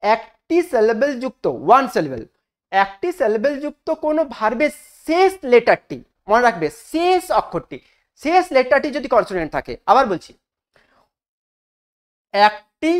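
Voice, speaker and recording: A woman teaching an English grammar lesson in style, asking her students questions and repeating each rule slowly for emphasis. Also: a little high, very animated.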